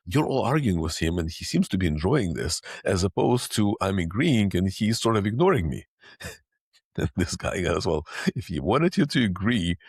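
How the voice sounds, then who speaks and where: Deep gravelly man hosting a podcast. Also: moderate pace, no echo, clean studio sound. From Ukraine. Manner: animated storyteller, asks open questions. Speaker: podcast host. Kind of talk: conversational interview.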